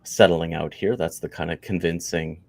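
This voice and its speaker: A Canadian man in his forties speaks as a podcast guest, his voice sitting very low. He rambles casually, circling back with fillers and restarts as he tells his story. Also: steady tone, moderate pace, vocal fry, a little mellow. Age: 40s. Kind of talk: casual interview chat.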